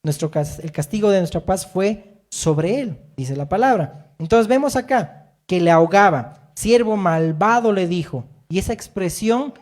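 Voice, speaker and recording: A man's voice: high voice, lively intonation, moderate pace, darkish tone. A man preaching a sermon as pastor, emphatic, rising and falling, with frequent amens.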